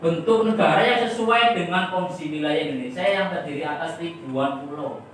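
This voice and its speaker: A woman's voice: low voice, moderate pace, slight background noise. A woman teacher giving a classroom lesson, quizzing and coaxing her pupils with repeated questions. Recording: echoey classroom from far off.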